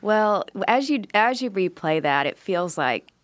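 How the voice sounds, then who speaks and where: A woman host reflecting on loss and gently advising listeners. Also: medium pitch, expressive, a little slow, dry recording. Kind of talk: supportive counseling talk.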